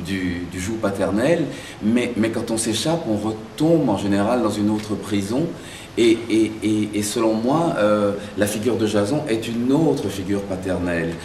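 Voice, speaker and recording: A man who grew up in Belgium and Zaire, answering interview questions about his work as a playwright in a thoughtful way, pausing and restarting as he searches for words. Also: fairly low pitch, a little mellow, a little hiss or hum. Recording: echoey room, mic far off.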